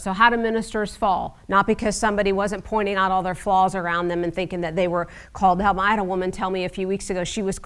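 A woman's voice: mid-range voice, fairly bright tone. A middle-aged woman preaching a sermon in a conversational, wry teaching manner with frequent asides.

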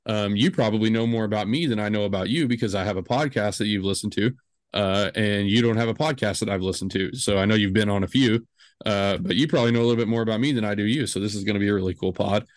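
A man in his twenties hosts a podcast, chatting casually in a lowish voice at a quick pace. He rambles with plenty of fillers and jokes. The recording is dry, with clean studio sound.

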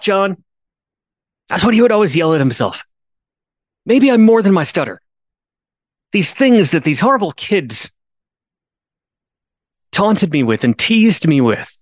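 A podcast host tells a story as a monologue in a high male voice, recorded dry with studio quality. He's earnest, restarting on repeated words and building to emphatic pleas.

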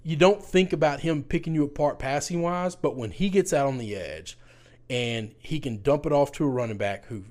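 A man's voice: a little high, darkish tone. Guy on a sports podcast, pushy opinions, jumps in over his buddy. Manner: opinionated, talks over his co-host, quick bursts of emphasis. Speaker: podcast co-host. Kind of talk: casual sports chat.

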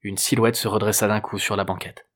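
A man narrating a novel chapter in a measured, even storytelling manner. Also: on the low side. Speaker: audiobook narrator. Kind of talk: scripted narration.

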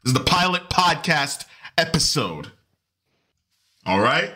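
A man hosting a casual livestream podcast, animated, laughing often and greeting chat by name. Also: fairly high pitch, a little slow. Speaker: podcast and stream host.

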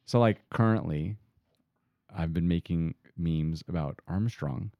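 A man's voice: deep voice, a little slow, vocal fry, no echo, muffled recording. Joking man telling stories, dry close sound. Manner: joking storyteller, laughs often. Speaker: podcast host. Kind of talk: casual chat. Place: in person, indoors.

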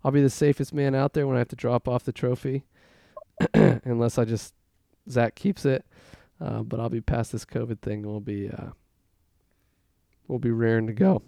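A man's voice: mid-range voice, flat delivery, moderate pace, creaky, warm tone, dry recording, studio quality. A man hosting a casual sports talk, asking questions and bantering in a hesitant, wry, teasing manner. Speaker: host of a fantasy football league podcast.

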